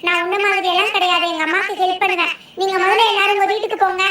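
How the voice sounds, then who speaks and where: A woman's voice: very high-pitched, steady tone, racing, pushed and bright, reverberant, far from the mic. A woman voicing bossy, scolding young girls in a cartoon, talking in a telling-off, know-it-all way. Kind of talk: cartoon dubbing.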